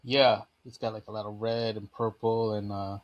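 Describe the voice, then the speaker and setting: A man hosts a relaxed podcast chat, his throat thick with phlegm. He talks easily and rambles a bit, with plenty of fillers and small restarts. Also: fairly low pitch, normal speed, muffled recording, a little hiss or hum. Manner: easygoing, chatty, frequent fillers. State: phlegmy throat, clearing it often. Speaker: podcast host. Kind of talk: casual chat.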